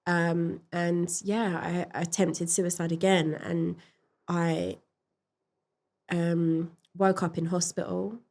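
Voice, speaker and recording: A woman in a podcast interview, frankly and reflectively telling her personal story, with pauses and fillers. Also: on the low side, flat delivery, a little mellow. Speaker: podcast guest.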